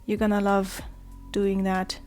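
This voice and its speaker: A woman with a cold talks casually while she draws, her voice hoarse and raspy, quiet and monotone, sometimes dropping to a soft murmur. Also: mid-range voice, a little slow, soft background music. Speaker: art vlogger. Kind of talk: casual talk while drawing.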